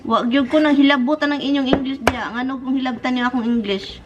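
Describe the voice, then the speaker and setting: Brief: Filipina vlogger, Visayan accent, high and chatty, kitchen noise behind. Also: female voice, fast talker, highs cut off. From Philippines. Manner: chatty, giggly, animated. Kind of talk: casual chat to camera.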